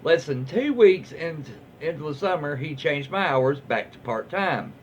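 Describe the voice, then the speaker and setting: A Southern-accented man hosts a relaxed read-aloud story session, keeping things folksy and informal. His pitch is a little high, and he sounds expressive while taking his time. Faint noise sits behind a muffled, lo-fi recording.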